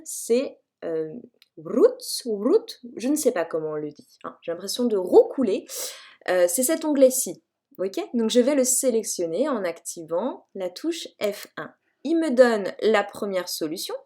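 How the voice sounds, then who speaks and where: A woman's voice: a little high, a little mellow. Chatty woman teaching a math lesson. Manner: chatty and self-mocking, frequent "hein" and "euh", explains step by step. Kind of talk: recorded math lesson with calculator walkthrough.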